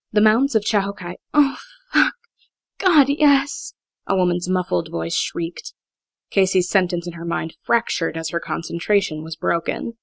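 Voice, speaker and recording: A woman narrates an audiobook in a steady, measured read. Her voice sits a little low and is full of crackling, gravelly fry. The sound is close and completely dry. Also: no room sound. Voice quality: heavy vocal fry.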